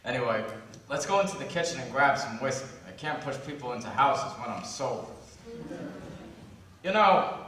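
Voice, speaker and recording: An actor playing a dry, wisecracking servant who is cynical about employers, in a live stage play. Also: male voice, medium pitch, noisy background, natural voice. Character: wry sardonic male servant, cynical about bosses. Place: theater stage. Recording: echoey hall, taped from far off.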